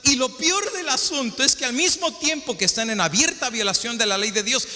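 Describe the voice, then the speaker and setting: A man's voice: very high voice, brisk, sharp tone, in a large hall. A male pastor preaching a sermon, telling a story and then building to impassioned preaching.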